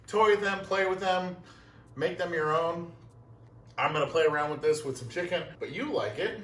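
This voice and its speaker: A man's voice: on the high side, moderate pace, fairly bright tone, a little hiss or hum. Chatty young male cooking host, casual and self-mocking; roomy kitchen, distant mic, music under him. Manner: self-deprecating, chatty, talks while eating. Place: home kitchen.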